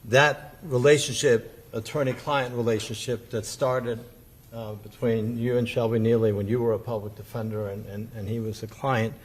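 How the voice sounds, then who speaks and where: Man, rough husky voice, courtroom attorney, halting deliberate questioning. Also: mid-range voice, steady tone. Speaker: defense attorney questioning a witness. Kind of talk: courtroom examination.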